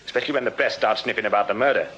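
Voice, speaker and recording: Dogged English police sergeant, forceful voice. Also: male voice, lowish voice, dull audio. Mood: wry, dutiful. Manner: deferential, measured questioning. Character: dogged, courteous Victorian police sergeant, shrewd and deferential. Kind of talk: period radio drama acting.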